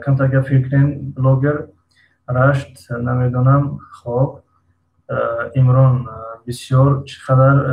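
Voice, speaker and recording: A man's voice: medium pitch, vocal fry, a little mellow, reverberant, poor audio. A man teaching an English lesson, patiently quizzing his students by name and explaining words one by one.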